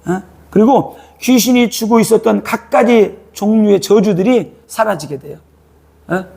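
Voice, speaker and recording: A man's voice: high voice, unhurried, creaky, darkish tone, breathy edge. A male pastor preaching a sermon in a church, speaking colloquially and prodding listeners with a repeated "eh?".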